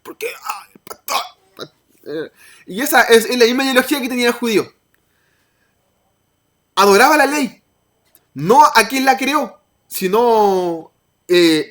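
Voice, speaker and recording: A woman's voice: on the high side, a bit bright. Chilean woman giving a casual sermon. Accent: Chilean Spanish. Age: adult parent of a child. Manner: informal, hesitant, acts out quoted voices. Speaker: Bible teacher at a church. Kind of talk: conversational sermon.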